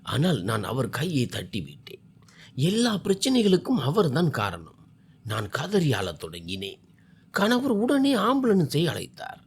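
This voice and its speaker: A man tells a first-person family drama story in a husky, slightly rough voice. His pitch sits on the high side and swings widely through the emotional passages. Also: wildly swooping pitch, measured pace. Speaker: story narrator.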